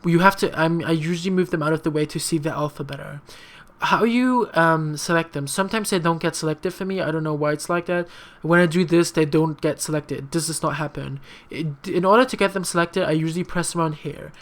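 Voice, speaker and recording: The tutorial maker, a young adult whose first language isn't English, speaks fairly quickly in a medium-pitched voice with fairly even intonation. Their casual screen-recorded walkthrough is chatty and meandering, packed with fillers, apologies, and frank, slightly sassy comments.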